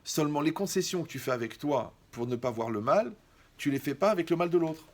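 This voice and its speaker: A man's voice: on the high side, expressive, fairly quick. A man performing a stand-up comedy monologue, acting out dialogues with mocking asides.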